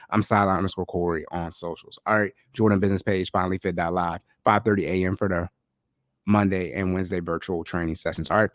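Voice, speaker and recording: Hosting his own casual solo podcast, a man with a lowish voice talks in a relaxed, loose, chatty and slangy way. A lingering cold has him sounding stuffed up and nasal, and his podcast microphone gives a close, dry sound with no room echo.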